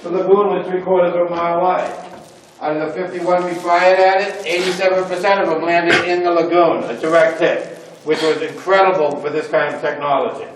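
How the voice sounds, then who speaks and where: A man's voice: high voice, little pitch movement, a little fast. An older man guiding visitors with emphatic storytelling in short phrases, his voice echoing inside a silo. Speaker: tour guide. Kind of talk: guided tour narration to visitors. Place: echoing underground missile silo on a tour. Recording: echoing inside a silo, distant mic, faint noise.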